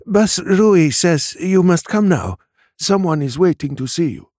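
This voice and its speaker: A woman's voice: fairly low pitch, expressive, measured pace, darkish tone, no room sound, studio quality, pitched above the performer's own voice. A man voicing an anxious young woman worker who pants out an urgent message. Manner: panting, urgent.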